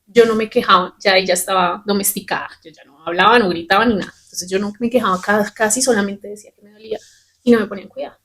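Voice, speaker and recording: A young adult woman, a podcast host telling a personal story candidly and with animation. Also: mid-range voice. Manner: candid, fast and animated, swears casually.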